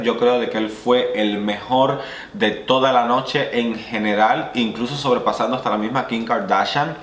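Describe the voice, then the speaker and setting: A man's voice: medium pitch, fairly bright tone. A young man, a drag queen, giving emphatic, opinionated commentary in a casual vlog. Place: small indoor room. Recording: roomy echoey room.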